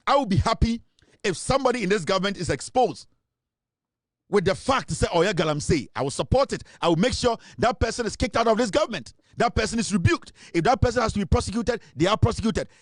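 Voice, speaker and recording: A Ghanaian man speaks as a political commentator in a forceful, insistent monologue, pressing each point hard. His voice sits high for a man. The sound is close and dry, with no room around it. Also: animated, fast talker, no room sound. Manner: forceful, insistent, mixes English and Twi. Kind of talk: impassioned monologue.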